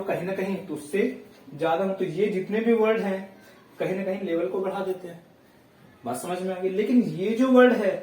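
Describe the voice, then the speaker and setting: A man's voice: high voice, darkish tone, slight background noise. Man teaching grammar in an echoey room. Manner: explains step by step, checks in with students; dictates sentences slowly word by word. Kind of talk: classroom grammar lesson. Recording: echoey room, voice heard from a distance.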